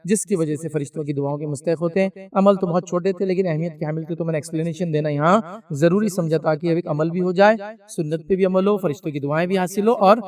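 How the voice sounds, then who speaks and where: A man delivers a religious lecture in a high voice. He talks conversationally and explains his points with everyday examples. He sounds a little distant from the microphone. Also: steady tone, darkish tone. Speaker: Islamic preacher.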